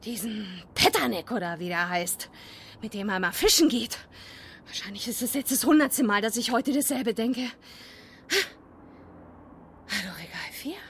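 Woman acting as an irritable grumbler, radio play, sarcastic muttered rant, high voice, bright tone. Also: animated, a little slow, slight background noise. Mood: grumbling. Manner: muttering to herself, sarcastic rants. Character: irritable woman sorting an inherited house, grumbling.

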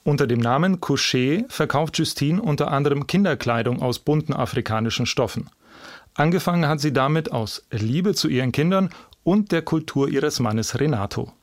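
A man's voice: fairly high pitch, animated, moderate pace, dry recording, clean studio sound. A man hosting a podcast, telling a personal story in scripted narration. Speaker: podcast host.

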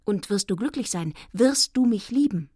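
A woman's voice: mid-range voice, animated, normal speed, a little mellow, breathy edge, dry recording, studio quality. A woman reading the lines of an earnest, pleading young man in love, a scholar, in a literary reading.

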